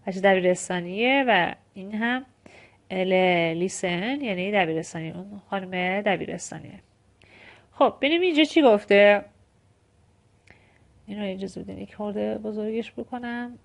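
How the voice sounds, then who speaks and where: A Persian-speaking woman teaching a French grammar lesson at a middle pitch. She explains each rule step by step and reads the French examples slowly and deliberately, with clear stress on each word.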